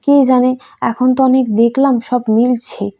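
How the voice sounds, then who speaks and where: Woman reading young male disciple, earnest, questioning, mellow tone, storybook reading. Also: high voice, steady tone, unhurried.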